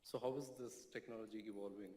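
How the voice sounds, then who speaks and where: A man in the audience asks the speaker a question, rephrasing as he searches for words. His voice is low, and it rings with the echo of a large room. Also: steady tone, fast talker, background noise. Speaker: audience member asking a question.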